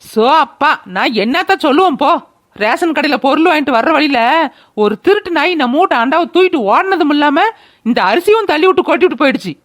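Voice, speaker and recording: A woman's voice: high voice, expressive, fast. Woman doing a cursing old village mother-in-law. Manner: wailing, cursing laments. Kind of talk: cartoon voice acting.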